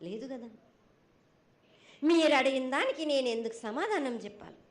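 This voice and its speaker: A woman's voice: high-pitched, animated, normal speed. A woman with a Telangana accent giving an oracle's prophecy in a trance voice, scolding angrily and imperiously with repeated phrases. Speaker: oracle delivering a ritual prophecy as the mother goddess.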